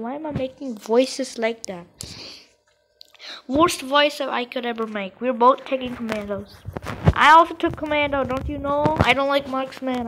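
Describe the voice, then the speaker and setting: A woman gamer playing a co-op game gives excitable, rambling let's-play commentary and playfully trash-talks her partner. Her voice is on the high side, and the background is noisy.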